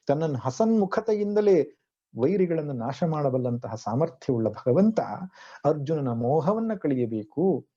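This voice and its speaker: Male spiritual teacher, slightly high voice, chants then explains. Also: dark tone. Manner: slow, chants Sanskrit verses then explains them. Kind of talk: devotional scripture discourse. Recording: dull lo-fi recording.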